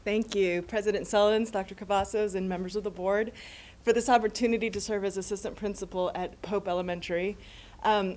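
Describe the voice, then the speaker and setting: A middle-aged American woman giving an informal, conversational thank-you speech as a new assistant principal, a little hesitant. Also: mid-range voice. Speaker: newly appointed assistant principal.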